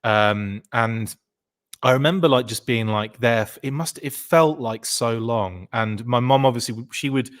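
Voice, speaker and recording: A man's voice: mid-range voice, moderate pace, a bit bright. A man in his forties, a podcast guest, telling childhood stories in casual chat, full of fillers and restarts.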